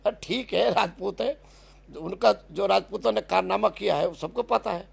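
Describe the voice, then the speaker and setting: Brief: husky, raspy male speaker, fired-up argument, stops to restart words. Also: sits high, normal speed. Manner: emphatic, repeats and restarts words, lists places. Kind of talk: impassioned spoken argument.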